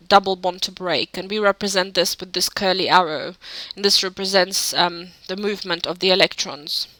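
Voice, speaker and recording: A woman's voice: medium pitch, bright, forceful tone, no echo, low-quality recording. A woman narrating a chemistry lesson over slides, hesitant, with many "um" fillers and self-corrections. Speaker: chemistry tutor.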